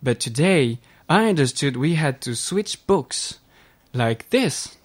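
A man voicing an earnest young boy in a slow, careful read storybook. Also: a little high, lively intonation, pitched above the performer's own voice.

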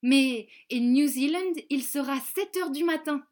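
A woman narrating a children's story in a slow, clearly articulated reading voice. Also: sits high, darkish tone.

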